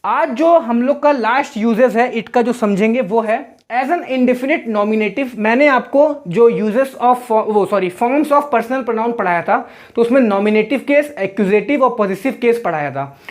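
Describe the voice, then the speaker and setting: Higher-voiced woman patiently teaching grammar. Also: lively intonation, darkish tone. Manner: patient, repetitive explaining, reads example sentences slowly. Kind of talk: online grammar lesson.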